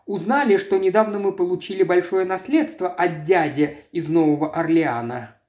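A man's voice: high-pitched, normal speed, a little mellow, roomy sound, close to an everyday voice. A man voicing a young mother whose baby is missing, composed and matter-of-fact.

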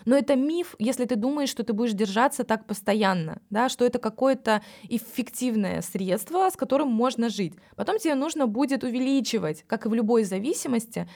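A woman's voice: on the high side, lively intonation, a little fast, creaky, hardly any pauses, darkish tone. A woman, a psychologist, explaining things in a podcast, speaking frankly and addressing the listener directly.

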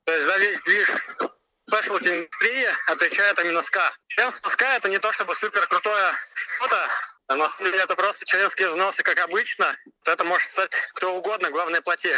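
A man calling in on speakerphone as a coffee expert, talking in a relaxed, slangy, matter-of-fact way from outdoors. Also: high-pitched, fairly quick, no echo, low-quality recording. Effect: heard over a phone on speakerphone. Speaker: coffee expert called in by phone. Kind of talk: casual phone chat. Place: outdoors crossing a highway bridge.

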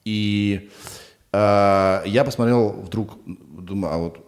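A man's voice: on the low side, takes it slowly. A man hosting a podcast interview, talking informally and rambling in short broken pieces. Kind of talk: casual conversational interview.

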